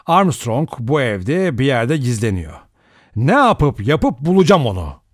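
A cool, sardonic young man who talks bluntly and probes with a teasing edge, voiced by an audiobook narrator. His delivery is lively and full of pitch movement. The recording is dry and close. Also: moderate pace, dry recording. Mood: wry. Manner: teasing, then grave and steady. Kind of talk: audiobook reading.

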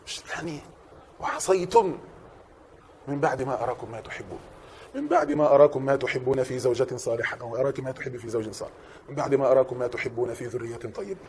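A man preaching a sermon in an Egyptian Arabic accent, swinging from hushed, reflective passages to impassioned shouting. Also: mid-range voice, animated, fast talker, a little hiss or hum.

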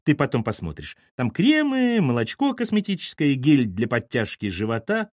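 A man's voice: medium pitch, wildly swooping pitch, moderate pace, dry recording, clean studio sound. A man voicing a bossy, no-nonsense aunt, a nurse, who lectures the family in an audiobook. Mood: fussing.

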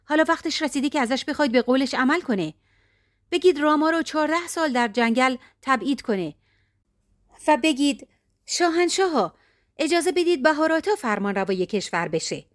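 A woman's voice: lively intonation, no echo, studio quality. A woman voicing a scheming spiteful maidservant. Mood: urgent scheming. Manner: urgent, insistent, raised pitch.

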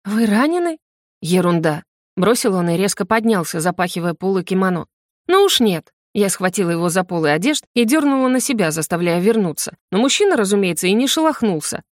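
A woman narrating a first-person audiobook with an ironic, lively manner. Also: mid-range voice, quick pace, dry recording, clean studio sound.

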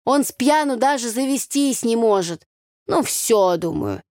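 Lady doing a brash village girl, loud and high, tossing out proverbs, dry close sound. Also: animated, a little slow, no room sound. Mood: boisterous. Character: lively village girl full of folk sayings.

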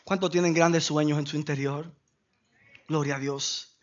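A male pastor preaching a sermon, swinging between shouted declarations and low, hushed storytelling. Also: steady tone, a little slow, lo-fi sound.

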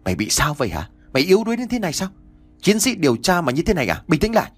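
A man voicing an older male colleague who scolds and shouts. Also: fairly high pitch, wildly swooping pitch, very fast, husky, faint music behind, voice pushed up, exaggerated voice. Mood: scolding.

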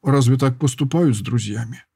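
A man voicing a short, plump, lazy man who grumbles and sulks, cheeky and whiny, in a husky voice. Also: mid-range voice, normal speed, dark tone. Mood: sulky.

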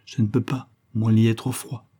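A man's voice: fairly low pitch, little pitch movement, moderate pace, warm tone, breathy edge. A man voicing an anxious, devoted six-year-old girl in an audiobook, with a pleading, plaintive manner. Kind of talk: audiobook character voice.

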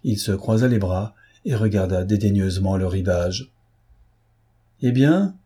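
A man reading a classic novel aloud in steady, measured audiobook narration. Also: deep voice, breathy edge. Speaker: audiobook reader. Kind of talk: scripted narration.

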